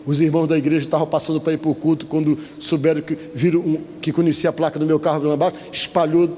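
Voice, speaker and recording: A man's voice: on the high side, level tone, quick pace, a little mellow, in a large hall. A man who is a pastor, speaking, telling a personal story as part of a sermon and acting out the voices of the people in it. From Brazil. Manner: storytelling, acts out quoted voices. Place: church.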